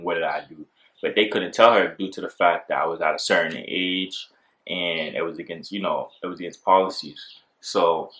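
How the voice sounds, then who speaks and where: A young male vlogger tells a rambling storytime in casual slang, packed with "like" and "bro." His voice is low-pitched with a fairly bright tone, recorded in an echoey room.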